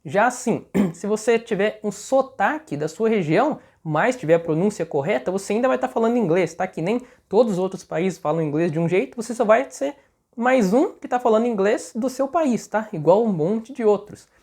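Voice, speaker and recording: A woman's voice: mid-range voice, animated, normal speed, darkish tone. Chatty Brazilian woman teaching English. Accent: Brazilian Portuguese. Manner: chatty, keeps checking in with the listener. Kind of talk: casual explanatory video lesson.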